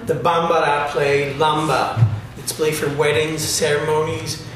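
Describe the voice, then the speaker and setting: Unhurried and level, a slightly high male voice belongs to an Italian drumming instructor explaining things casually with lots of fillers in an interview. A crowd murmurs behind him, and the noisy recording comes from a far-off mic in a room with echo.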